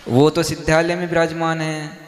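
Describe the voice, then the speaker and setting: A man, a Jain monk, explaining a Sanskrit hymn and correcting how its words are said. His voice sits a little high and he talks in a brisk conversational way. The sound rings with a long hall reverb. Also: completely flat delivery. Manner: slow drawn-out chanting, then brisk conversational explanation. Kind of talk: chanting Sanskrit verse and explaining it.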